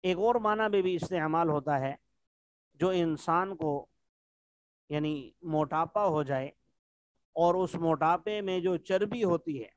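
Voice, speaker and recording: A man's voice: high-pitched, no room sound. Man teaching an online Arabic lesson. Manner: explains words patiently, asks students if they follow.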